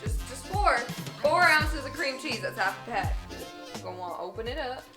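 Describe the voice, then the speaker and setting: A young woman calmly walking through a recipe step by step in a home kitchen. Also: sits high, normal speed, reverberant. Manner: laid-back, giving steady step-by-step instructions. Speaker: cook showing a recipe. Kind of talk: casual cooking tutorial. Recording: background music under the voice.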